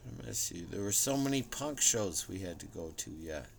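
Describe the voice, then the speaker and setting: A man introducing a song and dedicating it to a friend in a halting, rambling way. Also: deep voice, animated, vocal fry, slight background noise. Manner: halting and rambling, with long pauses. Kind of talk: casual spoken song dedication.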